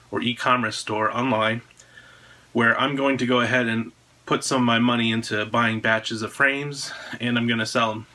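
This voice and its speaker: A man in his thirties from America presents a product announcement in his own video, speaking casually to camera from an indoor room at home. He designs drone frames, and his medium-pitched voice sounds pushed and bright.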